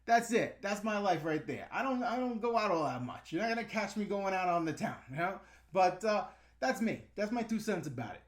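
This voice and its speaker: Brisk and animated, this high-pitched man is a middle-aged YouTube host with a New York accent. On his casual livestream he fields live chat by ranting bluntly, filling his chatter with fillers.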